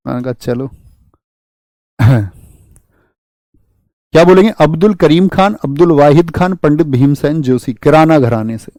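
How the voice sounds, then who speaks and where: A man's voice: on the high side, darkish tone, no echo, clean studio sound. A young adult man teaching an exam-prep general knowledge lesson, chatty, with memory tricks and anecdotes and questions to the class.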